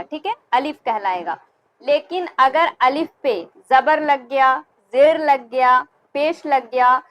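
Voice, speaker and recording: A high-pitched woman teaches Quran reading to her students in a recorded lesson. She is patient and repetitive, checking in often and drawing out sounds slowly to demonstrate them before speeding on. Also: a little hiss or hum, rough recording. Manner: patient, repeats and checks with "ठीक है". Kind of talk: recorded lesson on Arabic letter pronunciation.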